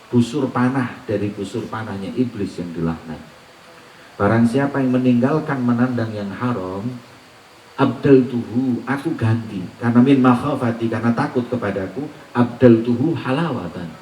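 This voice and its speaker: In this Islamic sermon, a man of medium pitch and moderate pace, his tone a little mellow, blends Arabic recitation with colloquial teaching and asks his listeners rhetorical questions. He is a preacher recorded far from the mic, with roomy echo and slight background noise.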